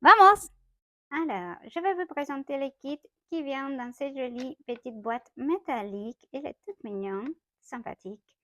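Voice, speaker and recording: A woman's voice: high-pitched, unhurried, hardly any pauses, a little mellow. A young woman from Mexico with a Mexican Spanish accent, speaking French as a second language, giving a chatty watercolor tutorial in her home studio, often correcting herself. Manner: chatty, self-correcting, light laughs. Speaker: watercolor artist. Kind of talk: casual art tutorial.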